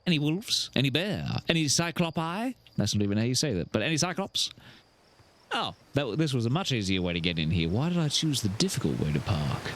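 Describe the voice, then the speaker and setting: A man's voice: mid-range voice, very animated, a little fast, a bit bright, slight background noise. A man streaming a video game live, talking playfully to himself and his chat with frequent exclamations. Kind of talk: live gameplay commentary.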